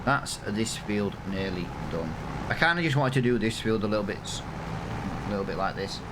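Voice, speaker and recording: Over a farming game, an English gaming channel host in his thirties offers casual let's-play commentary, rambling and poking fun at himself. His voice sits on the low side and is expressive, moving at a normal speed with background noise behind it.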